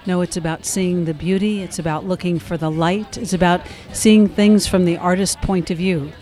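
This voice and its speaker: A woman's voice: lowish voice, steady tone, normal speed, mellow. A woman photographer answering interview questions in lyrical, poetic phrases. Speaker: photographer guest.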